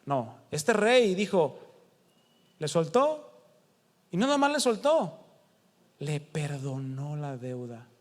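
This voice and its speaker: A Mexican man preaching in a house of prayer, his voice sitting high for a man. He talks conversationally, asks the congregation rhetorical questions and acts out the quotes he reads. The sound rings with the long reverb of the hall. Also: very animated, takes it slowly, pauses often. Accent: Mexican Spanish. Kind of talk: sermon.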